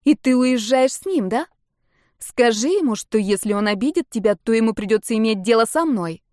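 A woman voicing excitable young violinist Marta. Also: a little high, normal speed, no room sound, studio quality, natural voice. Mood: excited. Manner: excitable, blunt questions.

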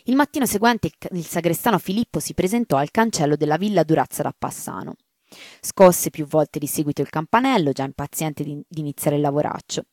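A woman reading a serialized story aloud for radio in a measured, theatrical way. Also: low-pitched, darkish tone, no room sound, clean studio sound. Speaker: story reader.

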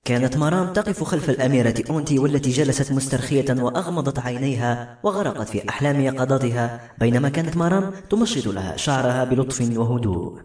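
Guy reading a novel aloud, fast, echoey room w/ faint music. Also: medium pitch, animated, darkish tone. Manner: brisk storytelling. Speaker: audiobook narrator. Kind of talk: scripted narration. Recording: roomy echo, faint music.

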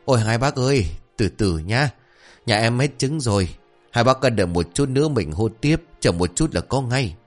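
A man's voice: mid-range voice, lively intonation, normal speed, faint music behind, natural voice. A man voicing a flustered middle-aged woman who runs an egg shop, with a pleading, fussing way of talking.

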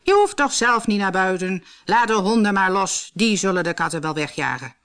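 A woman voicing a sharp-tongued farmer's wife, shrill and loud. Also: animated, normal speed. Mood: annoyed.

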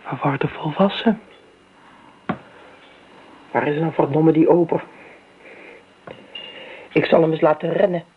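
In a radio play, a woman acts the part of a bitter, sharp-tongued grown niece, imperious and mocking, delivering curt, blunt, sardonic accusations. Her voice is low and unhurried, with long pauses. The recording is an old, narrow, tinny radio capture with hiss.

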